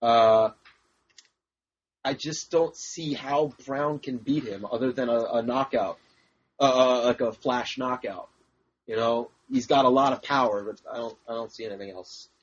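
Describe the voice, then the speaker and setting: Husky-voiced man, blunt and profane. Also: medium pitch, measured pace, dull audio. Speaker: podcast panelist. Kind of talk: casual fight-prediction chat.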